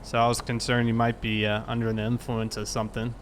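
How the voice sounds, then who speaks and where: A man roleplaying as a police officer talks quickly in a monotone, medium-pitched voice, mixing casual narration with dialogue. He keeps things conversational and explanatory, and a little hiss or hum sits under the recording.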